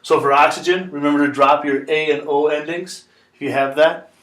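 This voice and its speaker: A man's voice: on the high side, fairly even intonation, brisk, fairly bright tone. Male teacher, patient step-by-step explainer; echoey classroom, distant mic. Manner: patient, repeats steps, checks in with "okay?". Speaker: chemistry teacher. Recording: echoey room, mic far off.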